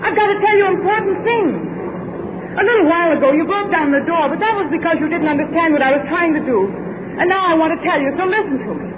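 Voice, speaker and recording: An actress playing an idealistic, frightened heiress in a vintage radio drama, pleading and emotional. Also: female voice, very high voice, animated, quick pace. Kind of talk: 1940s radio acting. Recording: scratchy old radio broadcast, tinny.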